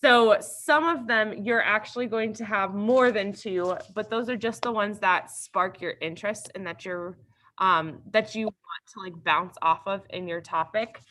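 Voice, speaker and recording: A woman's voice: mid-range voice, unhurried, bright, forceful tone. A young woman teaching a classroom lesson, talking casually with lots of fillers in an upbeat way. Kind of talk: classroom instruction.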